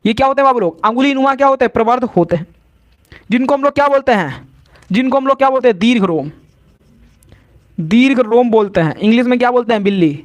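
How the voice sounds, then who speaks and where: High-voiced male teacher, repetitive. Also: animated, fast talker, long pauses. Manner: repetitive call-and-response teaching, answering his own questions. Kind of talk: live online science lesson.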